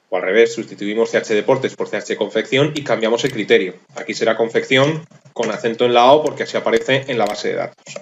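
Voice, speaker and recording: A programming course instructor walks through a screencast tutorial in a medium-pitched voice, with dull audio and slight background noise. He's methodical, thinks out loud, and pokes fun at his own typing.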